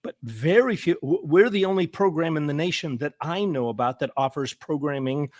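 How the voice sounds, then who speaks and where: Earnest male therapist guest, emphatic and repetitive, stammering restarts, slightly high voice, dry close sound. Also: fairly quick, darkish tone, dry recording. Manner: earnest and emphatic, repeats words for stress. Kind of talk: conversational interview.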